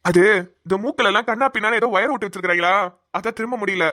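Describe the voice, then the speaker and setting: A woman voicing an injured village husband lying in a hospital bed in a Tamil cartoon, speaking gently and affectionately. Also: mid-range voice, very fast, natural voice. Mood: tender.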